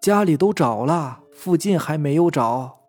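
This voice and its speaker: Man doing a halting frightened steward. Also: a little high, expressive, a little mellow, soft background music. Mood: hesitant fear. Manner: hesitant, halting. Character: nervous loyal middle-aged male steward.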